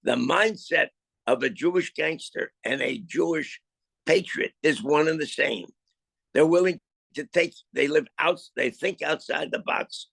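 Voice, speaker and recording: An older man telling his own story in a video-call interview, halting with many restarts and repeated words, then landing his points emphatically. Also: fairly high pitch, creaky, fairly bright tone, no echo. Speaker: film subject interviewed about his life.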